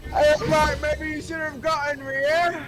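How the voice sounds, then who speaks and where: A man's voice: extremely high pitch, level tone, unhurried. A man chatting casually and teasingly as a player in a tabletop game. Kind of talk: casual chat. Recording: loud music behind the voice.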